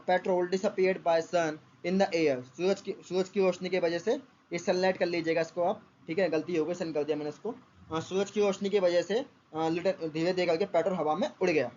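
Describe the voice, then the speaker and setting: Male tutor for exam prep, higher-pitched voice, patient and filler-heavy delivery, muffled low-fi sound. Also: a little mellow, a little hiss or hum. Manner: explains slowly with many fillers. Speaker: teacher. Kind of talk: vocabulary lesson for exam aspirants. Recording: dull lo-fi recording.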